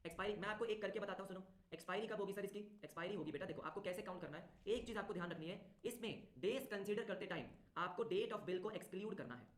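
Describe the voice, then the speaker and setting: A male tutor teaching an online class, talking briskly, repeating phrases and urging students to answer quickly. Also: high voice. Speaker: commerce exam tutor. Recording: roomy echo.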